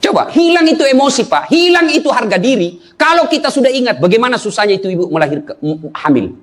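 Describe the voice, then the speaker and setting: A man's voice: extremely high pitch, fast. A middle-aged male Islamic preacher who gives a humorous sermon, joking and calling out to his audience. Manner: joking, animated, calls out to the audience.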